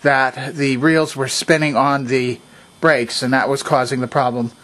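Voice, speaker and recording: An older man hosting a vintage electronics repair video narrates a hands-on repair from an indoor workbench, casual, unscripted, and methodical step by step. His mid-range voice is a bit bright, with a flat delivery and an unhurried pace.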